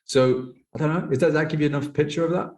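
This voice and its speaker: Fast-talking and a little mellow, this British man's voice sits on the high side. He's thirty, a professional poker player guesting on a podcast, and his casual personal stories wander along, full of "like".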